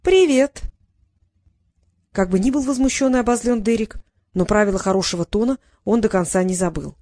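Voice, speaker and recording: A woman narrating an audiobook in a measured storytelling manner, close to the mic. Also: mid-range voice, darkish tone, no echo. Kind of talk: scripted narration.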